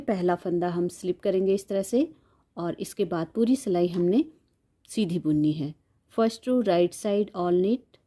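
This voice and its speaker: Dark-voiced woman teaching knitting. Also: lowish voice. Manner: slow, patient, counts stitches aloud. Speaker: knitting instructor. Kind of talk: step-by-step knitting tutorial.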